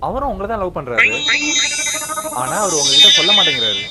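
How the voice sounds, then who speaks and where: A woman's voice: on the high side, huge pitch swings, a little fast. An actress playing a confident young woman who reassures and promises to help in a film. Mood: reassuring. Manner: reassuring, emphatic. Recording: film soundtrack with loud music behind.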